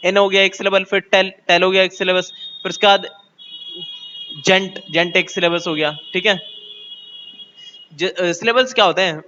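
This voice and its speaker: A man with an Indian accent teaching English grammar in Hindi, explaining step by step, asking the class questions and reading English rules out slowly. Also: high voice, pushed and bright, dull audio.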